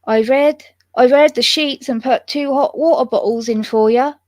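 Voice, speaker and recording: A courteous young inn maid with an attempted West Country accent, soft-spoken and deferential, as a woman reader puts her on. The voice is lifted well above the reader's own, with a dry, close sound. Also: high voice, moderate pace, no echo, natural voice. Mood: polite. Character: young female inn maid, polite and quiet.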